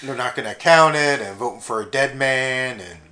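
Young man, podcast co-host, rambling comic chat, swears, mid-pitched voice. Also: normal speed, sharp tone. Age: young adult. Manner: rambling, jokey, swears, mimics people in quotes. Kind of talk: casual comedic chat.

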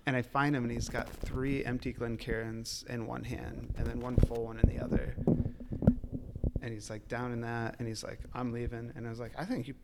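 A man's voice: medium pitch, level tone, moderate pace, heavy background noise. A man, a liquor retailer telling rambling, laughing stories in a casual podcast chat. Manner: rambling storyteller, laughs often, swears. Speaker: liquor store retailer, guest.

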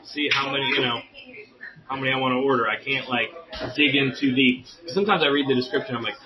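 A man talking informally about comic books as a podcast guest, halting a little and repeating his phrases. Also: medium pitch, muffled recording, noisy background.

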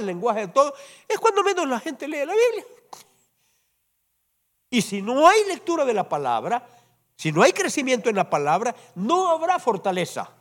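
A man preaching a sermon in church with a high voice that swoops and climbs all over. He keeps turning to the congregation for agreement, animated and conversational. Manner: animated preaching, constantly asks the congregation "¿verdad?". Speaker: pastor. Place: church service before a congregation.

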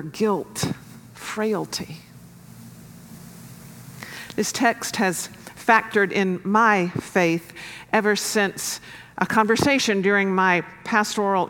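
A woman pastor delivering a sermon in a measured, earnest way, building to emphatic rises. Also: mid-range voice. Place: church sanctuary. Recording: long reverb of a church hall.

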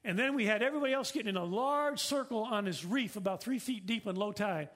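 A man with a notably high voice delivers a sermon from the pulpit. He speaks earnestly, circling back to his points and posing questions to the room. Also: quick pace, a bit bright. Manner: earnest, repetitive preaching with rhetorical questions. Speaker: pastor.

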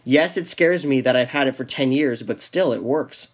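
A man's voice: medium pitch, normal speed, breathy edge. A young man co-hosting a casual podcast chat, rambling with frequent restarts and fillers. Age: young adult. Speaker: podcast co-host.

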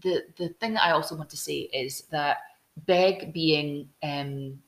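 Low-voiced Scottish woman in an echoey room. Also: measured pace. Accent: Scottish, Glasgow. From Scotland. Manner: enthusiastic, storytelling, with frequent restarts. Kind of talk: casual chat.

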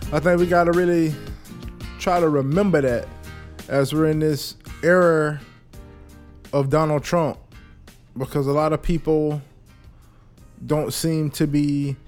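A man hosting a podcast, talking in a casual, profane and animated monologue. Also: fairly high pitch, unhurried, pauses often, soft background music. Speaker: podcast host.

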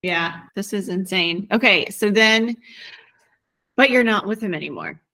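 A woman's voice: medium pitch, expressive, unhurried, bright, forceful tone. A woman hosting a casual interview, supportive and giving short replies. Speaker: interview host.

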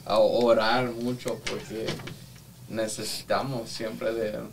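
A man's voice: fairly low pitch, little pitch movement, takes it slowly, creaky, recorded from a distance, slight background noise. A man on a religious talk show, answering with frequent amens and speaking devoutly about faith.

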